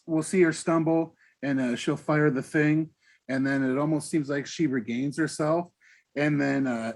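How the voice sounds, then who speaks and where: A man taking his turn as a player in a tabletop game, rambling and restarting as he explains his move. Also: medium pitch. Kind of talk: casual tabletop role-play.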